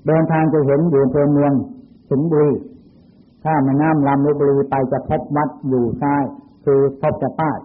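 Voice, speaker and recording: An older Thai man, a Buddhist monk, gives a sermon by retelling childhood stories in a folksy, anecdotal way. His voice is on the high side, fairly quick, with little pitch movement, and it comes through a tinny, phone-like recording.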